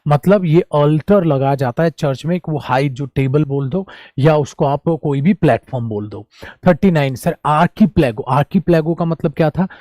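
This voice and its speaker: A man teaching a quick vocabulary revision lesson, calling his students "my child" and "my brother". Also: on the high side, darkish tone, no echo, clean studio sound.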